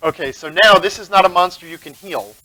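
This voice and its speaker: A man narrating as game master of a tabletop role-playing game, playful and quick to laugh. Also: high voice, sharp tone, rough recording.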